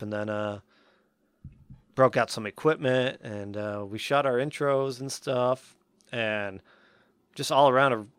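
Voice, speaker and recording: A young man co-hosting a podcast tells a long story in a loose, rambling way, filling it with "like" and "um". His voice is smooth and resonant, and the recording is dry and close to the mic. His pitch sits in the middle for a man. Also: a bit bright, dry recording. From Western Massachusetts. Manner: rambling, many fillers like "like" and "um". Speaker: podcast co-host. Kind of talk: casual storytelling chat.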